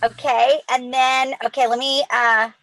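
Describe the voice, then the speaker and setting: A woman hosting a live giveaway in a hyped, excited announcing style, chatting directly to the viewers. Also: sits high, measured pace, low-quality recording. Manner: excited, chatty, addresses viewers as you guys.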